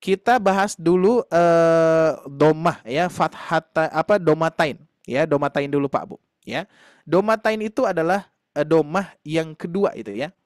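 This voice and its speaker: A man teaching a Quran reading class, explaining slowly with many fillers and speaking directly to his students. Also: a little high, smooth, no room sound, clean studio sound. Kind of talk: online tahsin class lecture.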